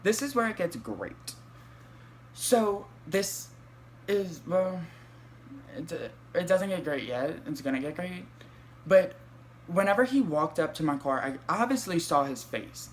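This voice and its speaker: A young man, telling a storytime vlog in an animated, profane way full of fillers. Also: high-pitched, measured pace, slight background noise. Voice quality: light voice. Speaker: vlogger.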